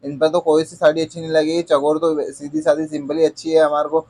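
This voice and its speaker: A shocked but defiant young hero from a TV drama recap, read out by a man. The lines come out with little change in pitch. The voice sits a little high. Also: monotone, a little fast, mellow, lightly acted.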